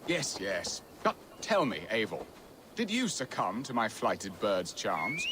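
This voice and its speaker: In a video game cutscene, an actor plays a jovial, romantic, middle-aged medieval nobleman, using flowery, archaic phrasing in a wistful, confiding mood. His fairly low voice swoops wildly in pitch at a slow pace in full character, with background noise present.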